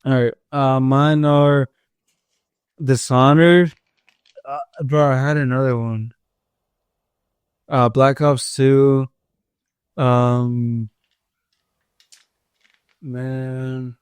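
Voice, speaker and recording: A man's voice: medium pitch, level tone, drawn-out words, long pauses, clean tone, dry recording. A young man co-hosting a casual podcast, talking hesitantly with many fillers. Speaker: podcast co-host. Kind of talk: casual chat.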